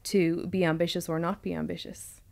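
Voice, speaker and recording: An Irish woman in her thirties, thinking aloud in a measured way during a discussion. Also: lowish voice, level tone, gravelly, darkish tone. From Ireland. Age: 30s. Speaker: roundtable guest. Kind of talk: casual discussion.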